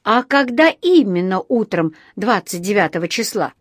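A woman voicing a small, polite, naive bear cub with a bright, earnest voice. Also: medium pitch, very animated, normal speed, no room sound, studio quality.

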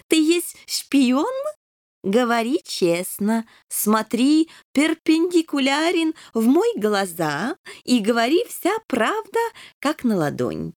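A woman reading a storybook puts on a vain, bored doberman king who drawls in broken, foreign-accented Russian. His voice sits high and swings widely. He speaks very slowly, close and dry. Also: darkish tone, dry recording, exaggerated voice. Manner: drawling, sentimental.

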